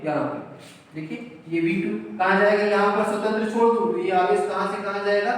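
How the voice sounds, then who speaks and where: A man teaching a physics lesson, asking questions and answering them himself and repeating key terms, with English words mixed in. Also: high voice. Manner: mixes in English words and numbers. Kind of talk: classroom physics lecture. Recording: very echoey room, voice from far off, faint noise.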